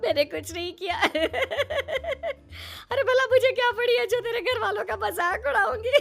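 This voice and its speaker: A woman's voice: high-pitched, lively intonation, unhurried, creaky, fairly bright tone, soft background music, exaggerated voice. A woman voicing a cartoon mother-in-law who keeps bursting into laughter as she speaks. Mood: giggling. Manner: laughs through every line.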